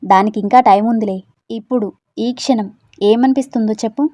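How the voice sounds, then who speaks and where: A cocky young rowdy with a teasing, self-assured swagger, as a woman storyteller puts him on. The voice is warm and mellow and sits a little high. It is recorded close and dry, with no room sound. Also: a little fast, no echo, natural voice. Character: cocky young man, bold brash romantic rowdy.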